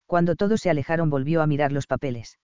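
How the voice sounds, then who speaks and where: Calm male audiobook narrator, dry dull recording. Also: fairly high pitch, fast, clean tone, no room sound. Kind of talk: scripted narration.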